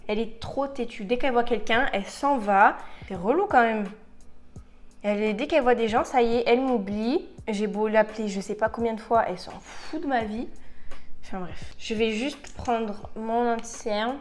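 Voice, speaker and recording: A woman's voice: on the high side, normal speed. A young woman chatting casually through a makeup tutorial, slipping into English phrases and bursting into playful outbursts. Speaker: beauty vlogger.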